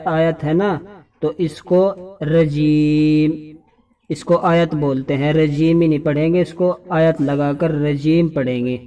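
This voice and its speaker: A young man teaching Quran reading, spelling out syllables slowly and chanting the verses. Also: on the high side, warm tone. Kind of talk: spelling-out lesson with chanted recitation.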